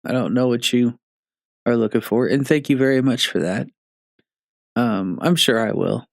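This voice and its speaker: A man's voice: mid-range voice, normal speed, gravelly, no room sound, clean studio sound. A man streaming a game and chatting casually, talking with half his face numb from the dentist. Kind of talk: casual livestream chat. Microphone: close streaming microphone.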